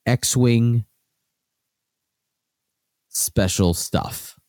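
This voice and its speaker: A man co-hosting a podcast in casual chat, sounding nasal from a cold, relaxed and chuckling with lots of fillers. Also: mid-range voice, very slow, dry recording, clean studio sound. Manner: laid-back, chuckling, filler-heavy. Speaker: podcast co-host.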